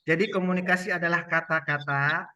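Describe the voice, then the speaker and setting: A man's voice: a little high, steady tone, brisk, sharp tone. A man giving a loose online training on communication, with many fillers and restarts. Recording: muffled lo-fi sound.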